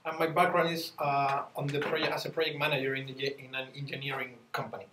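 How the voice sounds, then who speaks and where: A man from Chile, giving a team business presentation and pausing now and then to search for words. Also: medium pitch, level tone, fairly bright tone, slight background noise. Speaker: student presenter. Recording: roomy, distant mic.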